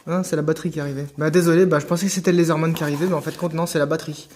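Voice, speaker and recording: A man's voice: on the high side, fairly even intonation, very fast, darkish tone, slight background noise. A man casually hosting an unboxing video, hesitant with many fillers and restarts, joking asides to viewers.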